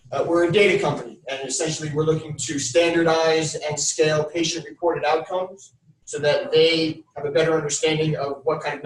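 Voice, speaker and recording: A man who is a startup co-founder describes his company in a brisk, businesslike way. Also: fairly high pitch. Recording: distant and echoey.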